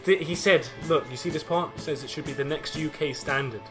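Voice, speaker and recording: A man voicing a gruff male gangster in a hushed, menacing tone. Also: a little high, brisk, music in the background, voice pushed down, lightly acted. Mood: scheming.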